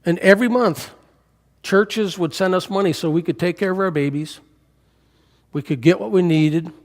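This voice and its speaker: A man's voice: high voice, moderate pace. Folksy sixty-year-old man in a church. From United States. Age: 60s. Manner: folksy, joking, conversational. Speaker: missionary speaker. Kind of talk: church missions talk. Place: church sanctuary. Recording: hall reverb in a church.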